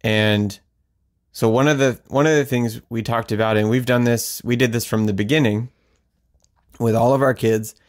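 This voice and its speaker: A man's voice: mid-range voice, fairly even intonation, moderate pace. A man hosting a podcast in a casual, joking, chatty way. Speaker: podcast host. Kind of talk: casual chat.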